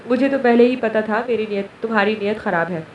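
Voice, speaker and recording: A woman's voice: fairly high pitch, fast, dull audio, slight background noise, lightly acted. A woman reading a scolding young wife. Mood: wailing. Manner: scolding, complaining. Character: hot-tempered young wife, quick to cry. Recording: echoey room, distant mic.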